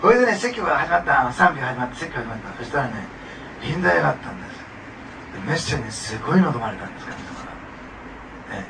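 A man's voice: medium pitch, big pitch swings, very fast. A man preaching a sermon, talking to the congregation in a conversational way, laughing often and asking them questions. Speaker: pastor. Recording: distant mic with clear background noise.

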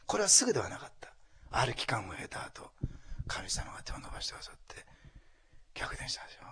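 A man pastor preaching a sermon to a congregation and leading a prayer, animated and dropping to whispers for emphasis. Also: mid-range voice, creaky, husky. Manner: animated, acts out quotes, drops to whispers. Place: church hall before a congregation.

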